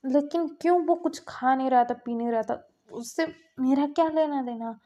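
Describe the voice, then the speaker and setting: A woman's voice: high-pitched, moderate pace, dark tone, highs cut off, lightly acted. A woman voicing a young man recovering in bed who answers others curtly and dismissively, in a read-aloud fan story. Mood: defensive. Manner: curt, dismissive.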